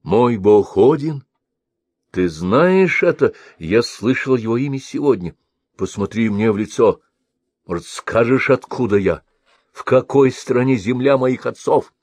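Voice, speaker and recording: A man's voice: mid-range voice, lively intonation, unhurried, a little mellow, dry recording, pitched above the performer's own voice. A man voicing a grim, weary old mercenary warlord who speaks curtly and grumbles. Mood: stern. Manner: curt, unmoved, grumbling.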